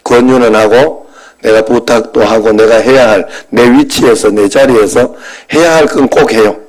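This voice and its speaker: A pastor in his fifties preaching a sermon and telling a personal story in a conversational way. His voice jumps from loud bursts to quiet asides. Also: medium pitch, normal speed, poor audio.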